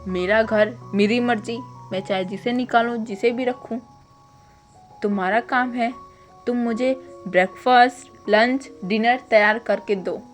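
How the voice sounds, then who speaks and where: A woman's voice: fairly high pitch, steady tone, unhurried, soft background music, lightly acted. A woman voicing a smug, shameless young husband who bosses and mocks his partner, in a casual spoken retelling. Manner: bossy, mocking drawl. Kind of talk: casual storytelling with voiced lines.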